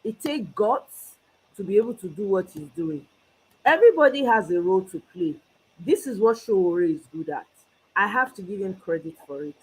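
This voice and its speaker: This Nigerian host, away from home, speaks at a normal pace with lively intonation in a medium-pitched voice that is husky and a touch mellow. Her solo political commentary is passionate and mixes English with Pidgin, though the audio quality is poor.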